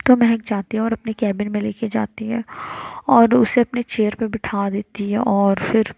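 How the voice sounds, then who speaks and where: Rambling woman storyteller with a gravelly voice. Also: medium pitch, a little mellow, no room sound. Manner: rambling, frequent filler words and self-corrections. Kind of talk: casual story narration.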